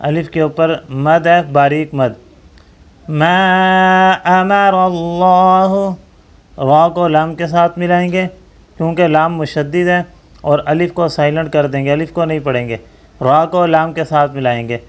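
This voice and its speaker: A man teaching a Quran tajweed lesson, spelling out letters slowly syllable by syllable and reciting, with quicker plain explanations between. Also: on the high side, steady tone.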